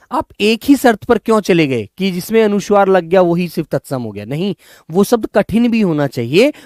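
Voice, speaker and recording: Lively high-voiced man teaching a class. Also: no room sound, clean studio sound. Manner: coaxing, addresses students as children and brothers; drills words by repeating them slowly. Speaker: Hindi teacher. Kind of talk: live online class.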